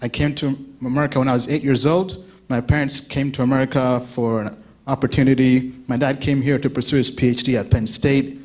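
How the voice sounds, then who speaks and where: This Ugandan conference speaker, a man in his thirties, keeps things casual, talking with the crowd, asking them questions and laughing frequently. He speaks briskly in a mid-range voice with a level tone.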